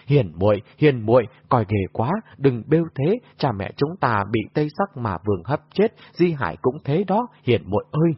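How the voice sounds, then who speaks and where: A man voicing a gentle, kind-hearted young hero in an audiobook, speaking in a pleading way, recorded in a muffled lo-fi way. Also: mid-range voice, sing-song, moderate pace, hardly any pauses, breathy edge.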